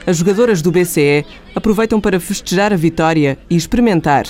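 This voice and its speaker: A woman's voice: on the low side, fast talker, darkish tone. A woman with a European Portuguese accent narrating a scripted news report as a radio reporter.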